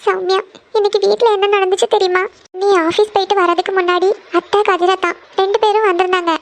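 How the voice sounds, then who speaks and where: A tearful cartoon big sister, voiced by a woman, crying as she pleads over her family's hardship. Her voice sits extremely high and barely rises or falls, with a gravelly, fry-laden edge under the sobs. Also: level tone, a little fast. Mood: tearful, worried. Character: worried young woman, eldest sister of a struggling family. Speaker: elder sister who gives tuition lessons.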